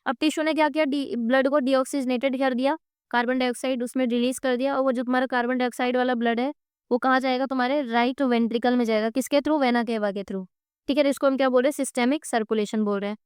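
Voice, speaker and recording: A woman's voice: sits high, fairly even intonation, fast talker, clean tone, dry recording, studio quality. A woman teaching an exam-prep lecture in Hindi-English with an Indian accent, asking her students question after question while she draws. Her throat is sore. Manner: quizzing students with repeated questions; drawing on a board while explaining.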